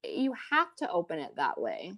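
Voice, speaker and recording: Relaxed giggly woman co-host. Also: on the low side, normal speed. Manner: relaxed, giggly, hesitant fillers. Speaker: podcast co-host, vet tech. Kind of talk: casual chat.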